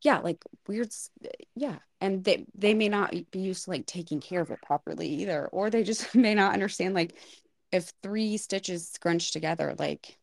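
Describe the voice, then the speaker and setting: A woman's voice: medium pitch, moderate pace, creaky, no room sound, clean studio sound. A woman co-hosting a podcast about hair styling, chatting casually and animatedly with lots of filler words. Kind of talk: casual chat.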